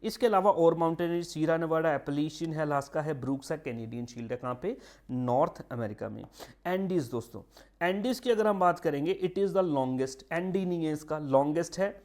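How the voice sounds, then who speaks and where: A man teaching a geography lesson for exam prep, repeating key names slowly and slipping in English phrases. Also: a little high, expressive, darkish tone. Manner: repeats key terms, mixes English phrases, frequent "ठीक है"; drawn-out slow emphasis on names, quick asides. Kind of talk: online geography lecture.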